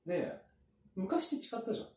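Lively, roomy-sounding man chatting casually. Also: sits high. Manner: chatty, drawn-out storytelling with many fillers. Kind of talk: casual chat. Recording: roomy, from a distance.

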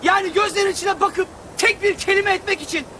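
Lovesick shouting Mecnun. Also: male voice, very high-pitched, lively intonation, brisk, a crowd in the background, background noise. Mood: passionate shouting. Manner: pleading then shouting passionately. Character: lovesick clumsy young man Mecnun. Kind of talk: TV comedy-drama acting.

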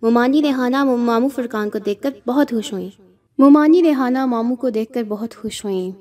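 A woman narrating a horror story aloud in a steady, measured reading voice. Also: on the high side.

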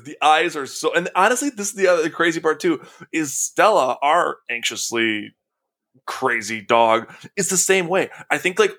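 A young man talks loosely on a podcast, his voice a little high. He swears often, laughs through his stories and slips into quoted lines to make his point. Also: sharp tone. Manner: swearing, laughing, acts out a dog's thoughts in quotes. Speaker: podcast co-host. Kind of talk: casual podcast chat.

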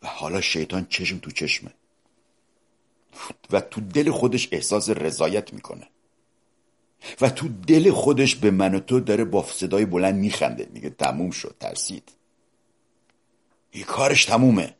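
Male preacher, husky low voice, lively delivery that jumps from loud to hushed, questions the listeners directly. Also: pauses often. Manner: dramatic swings between loud exclamations and hushed low asides. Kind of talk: sermon.

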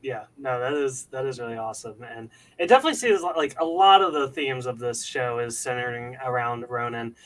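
Brief: male podcast host, bright and forceful tone, chatty and casual, lots of "like" and "um". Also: mid-range voice, lively intonation, brisk, few pauses, low-quality recording. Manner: chatty, many fillers and restarts. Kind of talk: casual chat about a TV series.

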